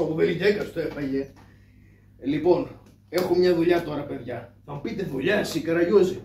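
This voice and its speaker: Karagiozis, a man doing a cheeky high-voiced trickster. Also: darkish tone, a little hiss or hum, lightly acted. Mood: chatty. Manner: joking, mock town-crier hollering. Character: cheeky poor trickster man, boastful joker. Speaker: shadow puppeteer. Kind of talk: live shadow puppet theatre. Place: live stage. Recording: echoey distant stage mic, faint ambience.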